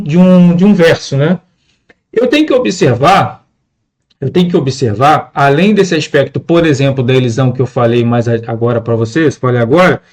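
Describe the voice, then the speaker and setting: A man teaching a lesson on scanning verse, patient and repetitive, often checking in with "né?". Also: on the high side. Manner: patient, repeats words and asks "né?" often. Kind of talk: classroom lesson explaining poetry scansion.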